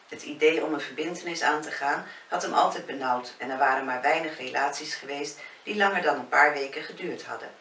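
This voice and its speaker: Woman author narrating a novel, bright voice, echoey room, distant mic. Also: deep voice. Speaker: author reading her own novel. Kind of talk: audiobook narration. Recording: roomy, distant, faint hiss.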